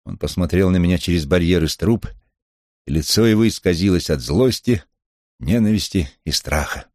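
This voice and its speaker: Deep, husky male audiobook narrator. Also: animated, moderate pace, a little mellow, dry recording, clean studio sound. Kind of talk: first-person novel reading.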